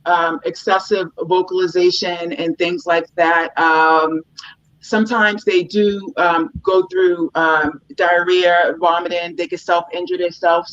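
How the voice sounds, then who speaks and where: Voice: mid-range voice, a bit bright. Chatty dog trainer on a dull recording. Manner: loose, with many "um"s and "you know"s. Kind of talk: casual explanatory interview talk. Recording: dull, slightly lo-fi sound.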